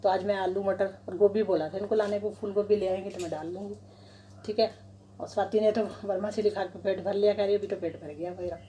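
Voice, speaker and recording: A warm, steady, medium-pitched voice belongs to a middle-aged Indian vlogger with a Delhi Hindi accent, who talks a little fast. Chatting casually, she walks through her chores step by step, filmed on a phone in her kitchen and balcony, in a rough recording with a bit of hiss or hum.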